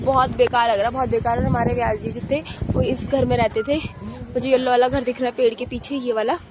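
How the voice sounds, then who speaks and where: A young woman vlogging on her phone from a windy village rooftop, her voice hoarse from shouting, chatty and wistful, repeating herself. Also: sits high. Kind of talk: casual vlog chat.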